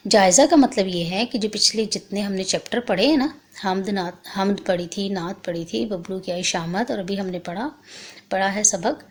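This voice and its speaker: A woman from Pakistan teaching a primary school language lesson, explaining each exercise patiently step by step, checking in often, and reading word lists slowly and clearly. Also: medium pitch. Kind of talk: recorded class lesson.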